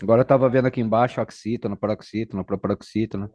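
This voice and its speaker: A man taking part as a student in an online class, making relaxed, offhand remarks. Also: lowish voice, very fast, no echo.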